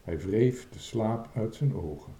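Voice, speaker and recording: A man reading a children's book aloud in an expressive, dramatic way. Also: on the low side, measured pace, reverberant. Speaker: storyteller.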